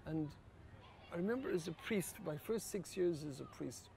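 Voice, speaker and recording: An older Irish priest with a deeply gravelly, fry-laden voice tells personal stories in an interview. He speaks earnestly and quietly, with a faint hiss of room noise behind him. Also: normal speed. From Ireland. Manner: earnest, quietly emotional, rises to lively laughter. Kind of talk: reflective personal storytelling in an interview.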